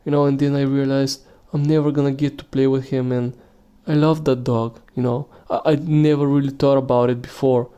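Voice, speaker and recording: A man's voice: mid-range voice, level tone, fairly quick, hardly any pauses, mellow, clear, resonant tone, muffled recording. A man hosting a solo podcast, talking casually and rambling with many restarts and fillers. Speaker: podcast host.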